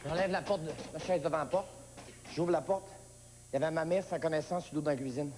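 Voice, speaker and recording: A man's voice: steady tone, quick pace, long reverb tail, background noise. A man with a Québécois accent performing a comic monologue, telling a childhood story and acting out its characters. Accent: Québécois French. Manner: storytelling, acts out characters with high yelps. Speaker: stand-up comedian.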